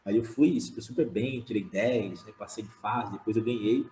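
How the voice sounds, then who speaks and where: A man and slam poet talking casually on an online panel, with many fillers and lively retellings. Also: fairly low pitch, normal speed, echoey room, a little hiss or hum, rough recording. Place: home room.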